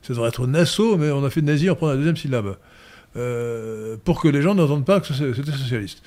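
A man holds forth in a political talk, pausing often to search for words before pressing his points with emphasis. His voice sits at an ordinary middle pitch. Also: animated, a little mellow. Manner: lecturing, many hesitations, emphatic. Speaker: guest commentator. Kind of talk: political discussion.

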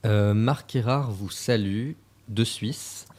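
A man's voice: on the low side, takes it slowly, darkish tone. A man acting as co-host, relaying audience questions in a live question-and-answer show.

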